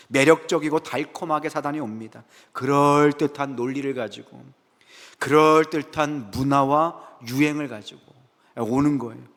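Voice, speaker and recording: A man preaching a sermon as senior pastor. He keeps asking the congregation rhetorical questions and answers himself with "yes". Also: medium pitch. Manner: rhetorical questions, frequent "예" affirmations, lively asides to the congregation. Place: church sanctuary, Friday prayer service. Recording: echoey church hall.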